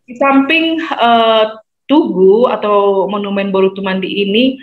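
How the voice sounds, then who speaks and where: A woman's voice: medium pitch, a little slow. A chatty woman, talking casually as a radio guest and stopping often to search for words. Her voice sounds roomy and a little dull, as if the line were lo-fi. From North Sumatra, Indonesia. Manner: chatty, hesitant, many fillers. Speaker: guest describing her hometown. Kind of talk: casual radio talk show chat.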